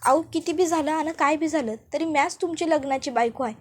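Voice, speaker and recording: A woman's voice: fast, lightly acted. A woman voicing a simple, pleading village wife. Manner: pleading, higher and louder.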